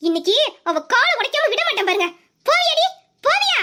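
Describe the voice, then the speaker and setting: A performer voicing an angry mother who scolds her small daughter, shrill and threatening. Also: fast talker, bright, forceful tone, a little hiss or hum. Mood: furious. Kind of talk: family drama acting.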